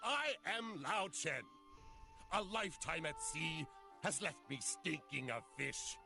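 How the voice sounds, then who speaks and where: In a video game cutscene, a man plays a gruff, salty old-hand sailor who is blunt and sardonic, with a wry, colourful manner. His voice is a little high, animated and creaky with vocal fry, taken slowly and heavily acted. Music plays beneath him.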